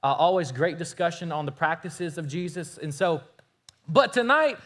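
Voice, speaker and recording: A man in his thirties, a youth pastor, speaking to a youth group in an energetic, teasing way. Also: fairly high pitch, moderate pace.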